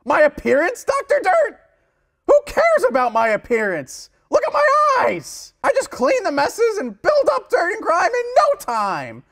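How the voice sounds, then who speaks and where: A cranky old cartoon sponge running for office. The voice is extremely swoopy and very high, whining and scolding with melodramatic indignation, as in a comedy debate. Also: male voice, wildly swooping pitch, moderate pace, a bit bright, exaggerated voice. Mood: indignant. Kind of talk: comic mock political debate.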